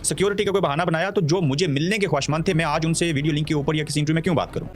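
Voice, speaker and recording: A man acting as interviewer, quickly relaying a claim made by someone else. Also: a little high, fairly even intonation, faint music behind.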